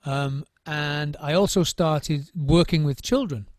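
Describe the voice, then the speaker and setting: A middle-aged man who trains drum circles gives thoughtful interview answers in a slightly high voice at a slow pace. He often restarts and repeats words while searching for what to say. The recording is clean studio sound with no room ambience.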